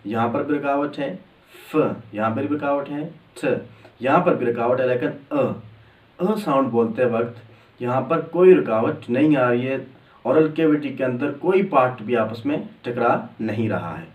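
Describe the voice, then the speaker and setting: Man teaching grammar in an echoey room. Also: medium pitch. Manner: explains step by step, drawing out example words slowly. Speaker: English teacher. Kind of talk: grammar lesson. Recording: echoey room, distant mic.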